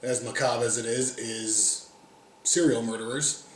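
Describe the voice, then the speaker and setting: An American man answering interview questions in a relaxed, casual way with frequent ums. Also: medium pitch, measured pace. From United States. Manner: relaxed, many ums and uhs. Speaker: interview guest. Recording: echoey room, faint background noise.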